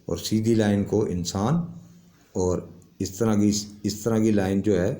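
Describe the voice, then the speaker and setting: ایک مرد استاد جو کلاس میں صبر سے حروف کی آوازیں سمجھاتا ہے اور بار بار "ٹھیک ہے" پوچھتا ہے۔. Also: male voice, lowish voice, steady tone, mellow. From Pakistan. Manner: explains patiently with many check-ins. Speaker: language teacher. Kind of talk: classroom lesson explaining an alphabet.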